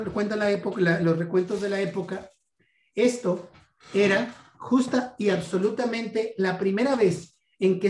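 A man's voice: sits high, darkish tone. A Mexican man giving a history lecture about coins, stumbling over repeated words and fillers. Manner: halting, many repeats and "este" fillers. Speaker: guest numismatics lecturer. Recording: roomy echo.

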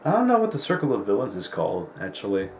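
A man's voice: fairly low pitch, huge pitch swings, fast, slight background noise. A man hosting a let's play, talking casually over gameplay with lots of filler words. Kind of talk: casual game commentary. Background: game music.

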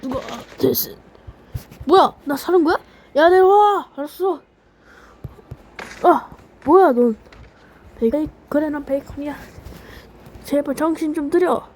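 A woman playing a game on camera, yelling and cursing while acting out lines for the characters in her match. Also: high voice, a little slow, long pauses, slight background noise. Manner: shouty, swears, switches between playful role-play and yelling. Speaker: gaming YouTuber. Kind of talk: excited gameplay commentary with role-play voices.

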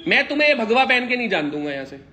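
A man's voice: very high-pitched, big pitch swings, quick pace, a crowd in the background. A man, recording himself on his phone indoors and giving aggressive, commanding orders through heavy swearing. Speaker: vlogger livestreaming a confrontation. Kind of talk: live-streamed confrontation. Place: indoors in a locked house.

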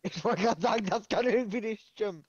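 A man's voice: high voice, quick pace, darkish tone, husky, no room sound. A man chatting casually with a streamer over a voice chat. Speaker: guest on a gaming voice chat. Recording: dull lo-fi voice chat audio.

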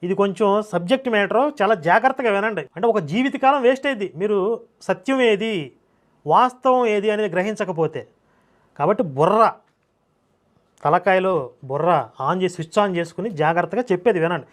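A man preaching a sermon, speaking emphatically, repeating phrases and reading scripture slowly. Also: high voice.

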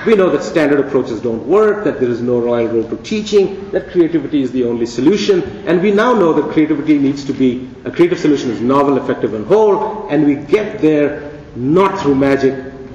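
A man's voice: medium pitch, a little mellow, a little hiss or hum. A man giving a conference keynote lecture, conversational and playful, with rhetorical questions. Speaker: keynote speaker. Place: large conference hall. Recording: dull, echoey hall recording from a distance.

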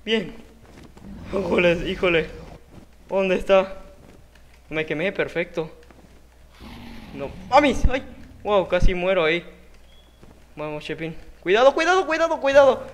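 A young man with a Mexican Spanish accent giving excitable play-by-play of his own game, yelping and swearing at near misses. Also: high-pitched, slow, long pauses, a little hiss or hum. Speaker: gaming YouTuber. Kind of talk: live gameplay commentary.

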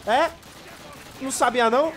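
A man with a Brazilian Portuguese accent hosting a let's play, joking and yelling during firefights and haltingly reading mission text aloud. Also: extremely high pitch, background noise. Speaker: gaming channel host.

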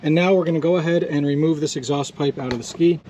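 A man's voice: a little high, fast, warm tone, slight background noise. A man walking through a jet ski repair step by step in a casual, practical way, filming it himself outdoors. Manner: casual, step-by-step, swears when frustrated. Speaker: DIY mechanic host. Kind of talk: hands-on repair tutorial.

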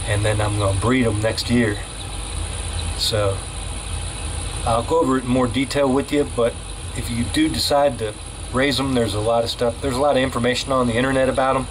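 A man's voice: medium pitch, noisy background. A man casually vlogging off the cuff, rambling in a folksy way with lots of fillers, filmed indoors at home on a handheld camera. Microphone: handheld camera mic.

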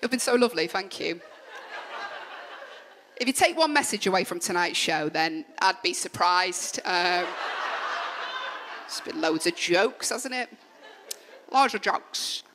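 A young woman with a Mancunian accent performing a live stand-up comedy set on a club stage, chatty and full of quick asides, with the audience laughing. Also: lowish voice, lively intonation, a bit bright, slight background noise. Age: young adult. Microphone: stage microphone.

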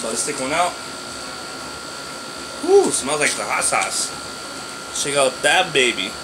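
A man in his thirties giving a casual snack review to camera, talking haltingly and chattily as he eats crunchy chips. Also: mid-range voice. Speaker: food review vlogger. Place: small bedroom, indoors. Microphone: phone at arm's length or propped nearby. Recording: noisy room with steady background hum.

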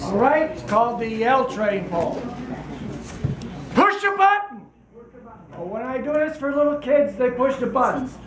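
A man's voice: very high voice, very animated, a little slow, pauses often. An older man, a performance poet, chanting and leading a crowd in call-and-response in a gallery room, recorded by a far camera. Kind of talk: interactive spoken-word performance. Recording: echoey room, crowd noise.

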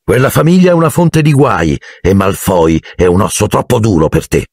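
A man voicing an anxious, sharp-tongued middle-aged wizard mother. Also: lowish voice, expressive, normal speed, no echo, studio quality, voice pushed up. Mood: fretful. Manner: fretful, sharp-toned.

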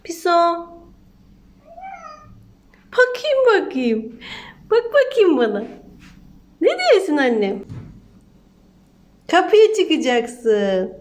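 A woman's voice: very high voice, a little mellow. A woman at home talking to her cat in coaxing baby talk, cooing and sing-song.

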